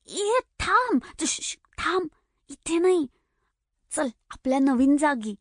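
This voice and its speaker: A woman voicing a lively, bossy little schoolgirl in a storybook reading, calling out excitedly. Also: on the high side, normal speed, no echo, clean studio sound, close to an everyday voice. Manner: excited, calls out loudly.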